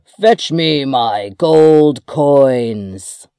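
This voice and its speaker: Storybook giant, male, man-eating, roaring and slow, voiced by the narrator. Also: lively intonation, warm tone, clean tone, no room sound. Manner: roaring, booming.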